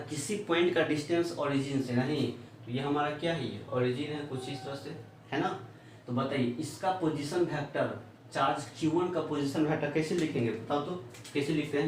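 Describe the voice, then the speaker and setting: A man's voice: a little high, slight background noise. A male physics teacher, lecturing in a classroom and constantly quizzing students with "है ना?". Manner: keeps asking the class questions, repeats "है ना?". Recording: far, echoey room with faint ambience.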